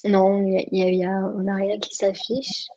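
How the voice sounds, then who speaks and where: Woman moderator, mellow voice, reads questions and backchannels, lo-fi video call sound. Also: medium pitch, flat delivery, fairly quick, slight background noise. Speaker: webinar moderator. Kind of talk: reading audience questions. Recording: dull lo-fi call audio.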